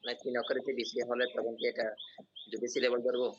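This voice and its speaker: Male student, fast and hesitant questions, lo-fi audio, faint noise. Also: mid-range voice, little pitch movement. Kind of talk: asking questions in class.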